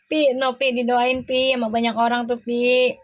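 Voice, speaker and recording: Excitable high-voiced tarot reader woman. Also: moderate pace, no room sound. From Indonesia. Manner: excitable, exclaiming, laughing often. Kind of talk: live tarot reading chat.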